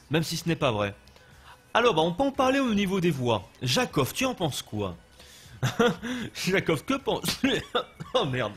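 A man's voice: fairly high pitch, fairly bright tone, husky. A young man with a French accent giving loose, chatty live commentary while playing a game and answering his chat. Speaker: gaming livestreamer.

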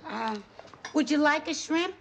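An actress playing a polite, slightly flustered hostess wife in a 1970s sitcom. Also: female voice, sits high, lively intonation, measured pace, creaky, heavily acted. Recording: hissy 1970s TV broadcast.

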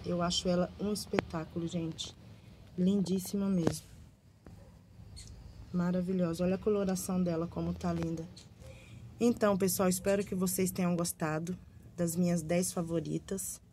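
Gushing woman with a mellow, flat voice. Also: fairly low pitch, moderate pace, pauses often, a little hiss or hum, poor audio. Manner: gushing, repeats praise words. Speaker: gardening vlogger. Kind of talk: casual show-and-tell vlog.

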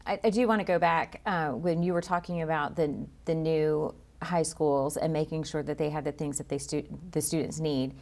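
A middle-aged woman, a longtime teacher, hosting a studio interview with friendly, slightly halting questions. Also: sits low, steady tone, darkish tone. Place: school TV studio with bookshelf set.

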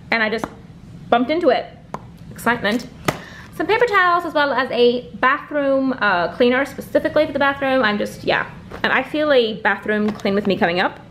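Chatty high-voiced woman. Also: slight background noise. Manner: chatty, lots of fillers and "like". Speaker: vlogger. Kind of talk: casual grocery haul chat. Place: home kitchen, indoors.

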